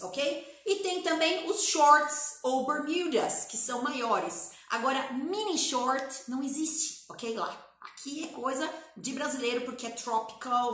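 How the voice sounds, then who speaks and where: A Brazilian woman teaches an English lesson with energy, drilling words and repeating phrases. Her voice sits high and sounds bright and forward. The room around her rings with a noticeable echo. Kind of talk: lively classroom-style language lesson.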